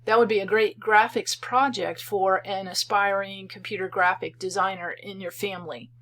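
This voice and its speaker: A woman narrates a screen-recorded tutorial for a program she built. Her voice sits in an ordinary middle pitch. She talks calmly and methodically, explaining each step in turn. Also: moderate pace. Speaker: software creator demonstrating her program.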